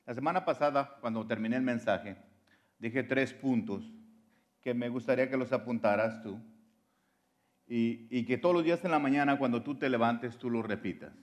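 Earnest preacher, direct and fervent. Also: male voice, mid-range voice, moderate pace. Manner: earnest, direct address to listeners, restarts words often. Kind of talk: sermon.

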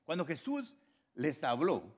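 A man preaching a sermon, repeating phrases for stress and swinging between soft, low lines and loud, high ones. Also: huge pitch swings, slow pace, breathy edge.

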